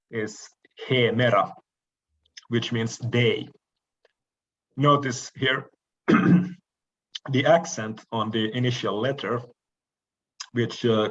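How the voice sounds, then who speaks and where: A man giving a recorded lecture, explaining each letter in a measured way with frequent pauses and the odd throat clearing. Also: medium pitch, fairly bright tone, lo-fi sound.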